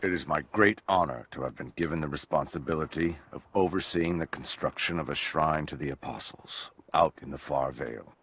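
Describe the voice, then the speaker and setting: A man's voice: very deep voice, a little fast, hardly any pauses, fairly bright tone, slight background noise. An actor playing a solemn, proud male overseer, speaking formally and stately. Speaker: game character, founder overseer. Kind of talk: formal journal narration.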